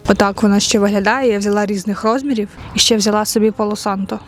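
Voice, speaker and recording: A woman's voice: medium pitch, steady tone, fast, a little hiss or hum. A young woman from Ukraine, chatting playfully to the camera in a casual vlog as she walks outdoors and cooks at home. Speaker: vlogger. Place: outdoors in a park, then at home.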